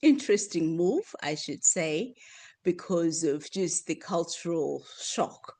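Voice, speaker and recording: A slow, unhurried woman from Zimbabwe, in her fifties, being interviewed. Her voice sits on the low side, and she talks softly with frequent pauses, ums and light laughter. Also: lively intonation. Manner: soft-spoken, laughs often, hesitant with ums. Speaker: guest. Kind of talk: interview conversation.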